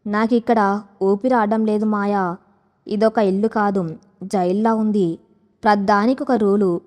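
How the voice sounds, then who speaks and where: A woman voicing a gentle young bride in her twenties, crying as she talks slowly and shakily. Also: mid-range voice, fairly even intonation, lightly acted. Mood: tearful despair. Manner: trembling, slow, pleading.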